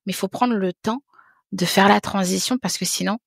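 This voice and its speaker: A woman's voice: medium pitch, normal speed, creaky, no room sound, studio quality. A woman in her thirties, a podcast guest talking frankly and casually, often repeating words and restarting her sentences. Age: 30s. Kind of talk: casual conversation.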